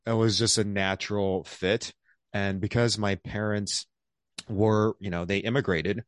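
In a relaxed interview, a thirtysomething doctor speaks as a guest, his voice very deep and low, steady in tone and measured in pace. Born in South Korea and raised all over the US, he rambles comfortably, leaning on fillers like "um" and "you know." The sound is dry and close-miked, without any room echo.

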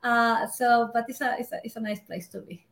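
A woman's voice: on the high side, fairly quick, creaky, a bit bright. A woman from Peru in her forties with a Peruvian Spanish accent, a physician who chats casually as an interview guest, laughs often and restarts words. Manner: laughs often, repeats words when starting. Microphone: remote call. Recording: roomy echo.

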